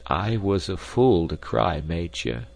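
A man reading aloud, voicing a feverish, troubled working husband in a low, subdued way. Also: creaky, heavily acted. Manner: halting, low and quiet. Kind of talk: audiobook character voice.

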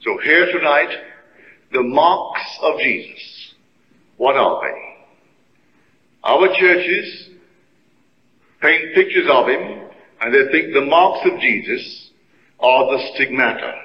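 A man giving a sermon-like religious lecture, speaking deliberately and emphatically in short, weighty phrases. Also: medium pitch, animated, a little hiss or hum. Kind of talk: sermon-like lecture to a live gathering. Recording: muffled old recording in echoey hall.

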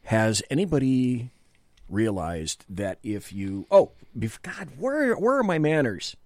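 A man's voice: mid-range voice, sing-song, slow pace, no room sound. A man co-hosting a political talk show in a small studio, chatting casually in a self-deprecating way that rambles with restarts.

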